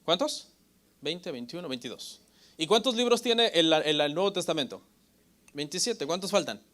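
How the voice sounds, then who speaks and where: A man's voice: fairly high pitch, lively intonation, normal speed, a bit bright. A male pastor giving a Bible teaching lecture, asking his listeners questions and answering them himself, often adding "ok?" and "brother". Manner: often adds "hermano" and "ok?".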